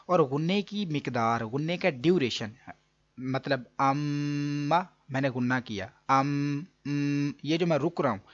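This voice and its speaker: A man's voice: medium pitch, dull audio. A man teaching an online recitation lesson, explaining patiently and repeating each rule step by step. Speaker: Quran reading teacher.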